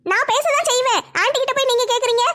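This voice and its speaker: A woman playing a sharp-tongued young daughter-in-law in a family comedy skit, shrill and scolding. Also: fast. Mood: taunting.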